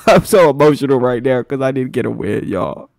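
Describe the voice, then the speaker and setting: Excitable young man gaming, lively pitch. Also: gravelly, dry recording, studio quality. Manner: excitable, animated, slangy, laughs often. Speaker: gaming channel host. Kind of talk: casual gameplay commentary.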